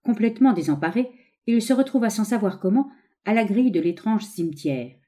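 A woman narrating a story aloud in a measured, expressive storytelling manner. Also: mid-range voice. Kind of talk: scripted audiobook narration.

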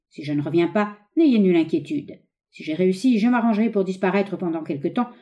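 A woman reading an audiobook, voicing a ruthless, scheming young man who speaks in an urgent, forceful, raised voice. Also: mid-range voice, voice pushed up, close to an everyday voice.

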